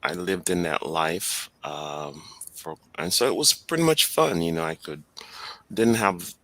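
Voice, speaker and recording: A man from Jamaica reflecting slowly on his upbringing as an interview guest, with many fillers and restarts. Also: low voice, a bit bright, dry recording, rough recording.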